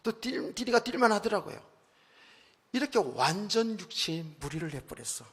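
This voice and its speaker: A male pastor preaching a conversational sermon, telling stories with frequent asides, moving from quiet remarks to loud emphatic bursts. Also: high-pitched, sing-song, normal speed, breathy edge. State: recently worn out and hoarse. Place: church sanctuary. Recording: long church hall reverb.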